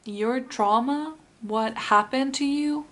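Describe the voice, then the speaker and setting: Speaking English as a second language, this Finnish-accented woman leads a pick-a-card tarot reading in a high-sitting voice. She's gentle and sincere, moving slowly and pausing frequently to find better wording.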